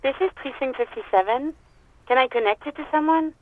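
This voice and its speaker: An actress playing a formal, polite police radio dispatcher in a video game, heard over a radio line. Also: female voice, high-pitched, fairly quick. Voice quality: crisp, formal telephone courtesy. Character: brisk female police dispatcher officer. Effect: radio transmission. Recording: tinny radio line with static.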